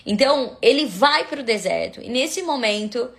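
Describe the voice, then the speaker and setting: A Brazilian woman hosting a devotional live stream, moving from soft prayerful murmurs into lively preaching. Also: on the high side, normal speed. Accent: Brazilian Portuguese.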